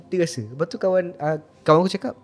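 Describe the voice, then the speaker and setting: A man's voice: on the high side, fast talker. A man, telling a story in a casual podcast chat and acting out the dialogue. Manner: animated, acts out quoted dialogue.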